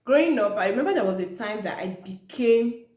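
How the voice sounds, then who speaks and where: A young adult Nigerian woman who speaks Yoruba natively chats with her viewers in a casual storytelling vlog. Her voice sits a little high and sounds animated and a bit mellow, and she talks a little fast. The room is echoey.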